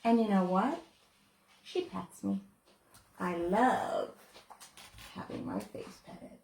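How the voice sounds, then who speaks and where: A woman who is a children's book author, reading her picture book aloud in a playful, expressive way. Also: mid-range voice, slow, gravelly, slight background noise. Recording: roomy echo.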